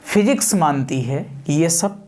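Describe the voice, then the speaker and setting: With lively intonation, a darkish tone and a high-ish voice, a man lectures a little slowly as a physics teacher prepping students for exams. He relies on everyday examples, repeats key terms, asks rhetorical questions and blends in English technical words.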